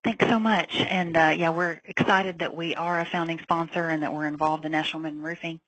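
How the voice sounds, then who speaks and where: A woman telling her career story on a webinar, in a relaxed, conversational way. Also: deep voice, a little fast, no room sound, low-quality recording. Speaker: webinar speaker. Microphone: online call.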